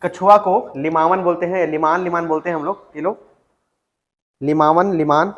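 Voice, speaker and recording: A man's voice: high voice, fairly even intonation, brisk, muffled recording. A male teacher giving a classroom lecture, dictating words, repeating them and asking the class questions. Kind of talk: classroom lecture on Chhattisgarhi vocabulary.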